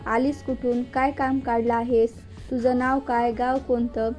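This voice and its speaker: A woman voicing a cautious young palace maid in a storybook tale, asking anxious questions in an even, mellow voice. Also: a little high, a little slow, faint music behind, lightly acted.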